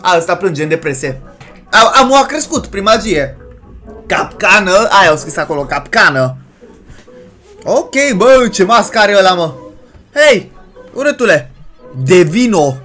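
Man, reaction commentary, excitable, joking, very lively pitch swings. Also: faint music behind. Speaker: reaction video host.

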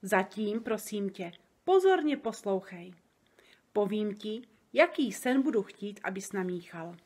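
A woman's voice: medium pitch, expressive, a little mellow, natural voice. Woman doing an eager little girl. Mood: insistent. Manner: eager, insistent, pressing with questions.

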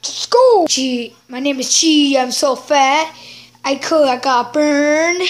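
A woman with a high voice narrates toy play, talking at an unhurried pace. She rambles playfully and slips in and out of silly voices. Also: animated.

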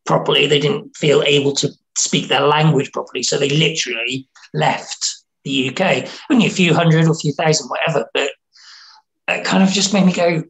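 A man from Wales, a writer and interview guest, talking in a casual, halting way, restarting and repeating words as he thinks. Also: fairly high pitch, vocal fry, a bit bright, low-quality recording. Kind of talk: casual conversation.

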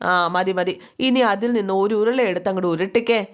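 A woman's voice: medium pitch, quick pace, natural voice. A woman voicing a bossy mother-in-law teaching a young woman to cook. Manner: bossy, instructing.

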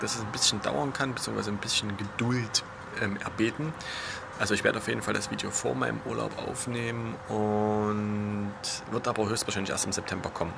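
Hushed, creaky young man, low undertone. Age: young adult. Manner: hushed, speaking in a low undertone close to a whisper. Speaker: gaming vlogger. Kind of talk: casual vlog chat. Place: outdoors on an apartment balcony. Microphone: camera at arm's length. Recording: clear outdoor street noise.

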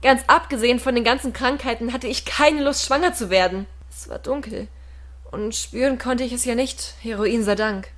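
An audiobook reader narrates a first-person story with drama and emotion, shifting between hushed whispers and loud, strained passages. Her voice is slightly high and her pace is normal.

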